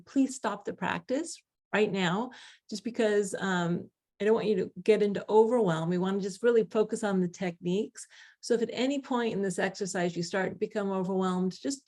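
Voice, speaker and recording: A woman with a medium-pitched voice explains things as a teacher talking informally to learners. Her delivery is conversational, with emphasis on key words. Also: a little mellow. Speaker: self-compassion teacher.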